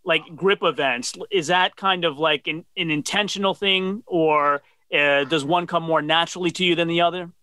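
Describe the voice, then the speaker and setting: A friendly man in his forties from New Jersey hosts a webcam interview, backing up his guest and asking long questions. His voice sits a little high for a man, bright and close, with a dry, deadened sound. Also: fairly even intonation, normal speed, few pauses, smooth, dry recording. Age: 40s. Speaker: interview host. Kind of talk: casual video-call interview. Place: dim home office. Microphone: webcam on video call.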